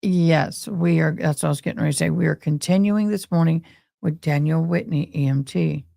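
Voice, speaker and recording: A woman's voice: low voice, a little fast, gravelly, mellow, no room sound, studio quality. A woman hosting a livestream, chatting casually and directly to her viewers in a folksy way. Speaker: livestream host. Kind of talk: casual livestream chat and commentary.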